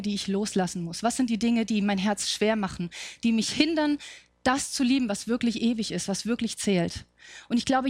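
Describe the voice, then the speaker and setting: A woman's voice: fairly high pitch, a little mellow, no echo. Woman preaching a reflective sermon. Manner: reflective, asks questions and answers them.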